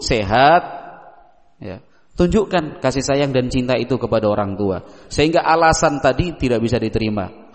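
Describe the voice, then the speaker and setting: A man preaching in a casual question-and-answer style, who acts out little dialogues between parents and children and asks his listeners rhetorical questions. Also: mid-range voice. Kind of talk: casual religious Q&A lecture. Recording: long hall reverb.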